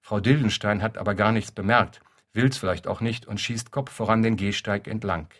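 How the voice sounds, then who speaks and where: A man reading a literary story aloud in a dry, deadpan narrating manner. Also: lowish voice, normal speed. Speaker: reader.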